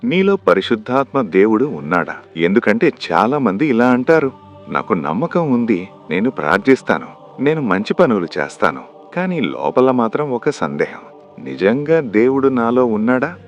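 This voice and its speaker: A man's voice: on the low side, very animated, normal speed, highs cut off, soft background music. A man narrating a devotional sermon in an earnest way, speaking straight to the listener. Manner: earnest, addresses the listener directly. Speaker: preacher.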